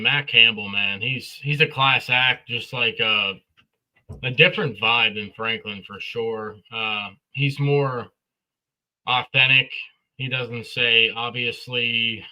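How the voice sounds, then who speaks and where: A man's voice: medium pitch, sharp tone, rough recording. A man co-hosting a sports podcast, giving eager, opinionated takes in casual talk. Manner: enthusiastic, opinionated. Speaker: podcast co-host.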